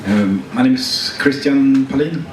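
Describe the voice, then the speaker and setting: A man's voice: mid-range voice, measured pace. A man from Sweden introducing himself as a club organizer on a panel, with many hesitations. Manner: hesitant, with fillers. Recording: echoey hall, distant, noisy.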